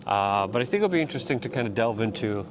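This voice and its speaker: A man's voice: lowish voice, animated, fast, muffled recording, background noise. A man from Poland hosting a casual walk-and-talk commentary outdoors, rambling with fillers and restarts. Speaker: host.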